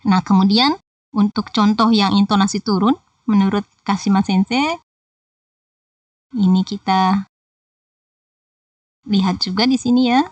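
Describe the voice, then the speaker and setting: A woman's voice: medium pitch, steady tone, a little slow, pauses often, no room sound, far from the mic. A woman teaching Japanese in a patient, explanatory tutorial voice-over that talks straight to viewers. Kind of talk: screen-recorded tutorial explanation.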